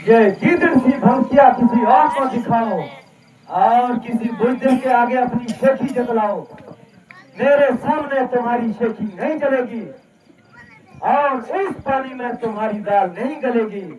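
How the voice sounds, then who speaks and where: आदमी के अभिनय में ऊँची आवाज़ वाले निडर Lakshman. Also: male voice, extremely high pitch, a little slow, noisy background. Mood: taunting, scornful. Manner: taunting, proud declamation. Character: defiant, mocking young warrior prince of mythology. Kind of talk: declamatory Ramleela folk stage acting in rhymed dialogue. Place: stage of a Ramleela club, distant mic. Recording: echoey, muffled, distant stage sound.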